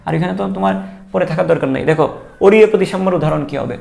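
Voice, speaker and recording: Young male exam tutor, gravelly and high, chatty and quick. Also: a little mellow. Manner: chatty, joking, repeats key points. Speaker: teacher. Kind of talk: online exam-prep lecture.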